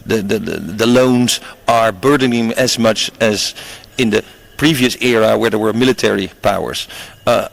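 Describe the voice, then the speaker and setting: A man's voice: fairly low pitch, vocal fry. A man with a Dutch accent interviewing a guest, asking long, searching questions with hesitant fillers and restarts. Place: conference venue.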